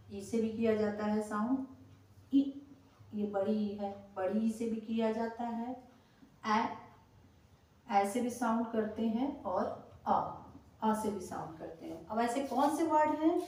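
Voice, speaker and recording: Patient woman teaching slowly in an echoey room. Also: on the high side, warm tone, recorded from a distance. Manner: patient, spells words letter by letter and repeats them. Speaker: English pronunciation teacher. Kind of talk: slow spoken lesson.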